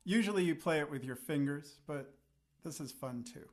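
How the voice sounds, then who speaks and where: Man, higher-pitched voice, casual halting show-and-tell, video call. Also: over music.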